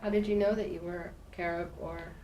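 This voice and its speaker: A woman filmmaker interviewing someone, quietly and patiently asking follow-up questions and asking him to clarify. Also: lowish voice, fairly even intonation, a little fast, slight background noise, poor audio.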